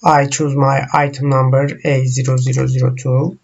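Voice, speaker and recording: A man whose first language is Turkish, walking through software screens in a slow, halting tutorial full of pauses and fillers. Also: medium pitch, level tone, gravelly, muffled recording, a little hiss or hum. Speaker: software trainer.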